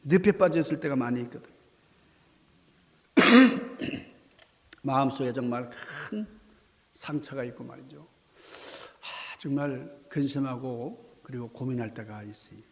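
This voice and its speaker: A middle-aged man preaching a sermon as a pastor, swinging from loud dramatic cries down to soft, near-whispered asides. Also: mid-range voice, a little slow, pauses often. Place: church sanctuary. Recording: long church reverb.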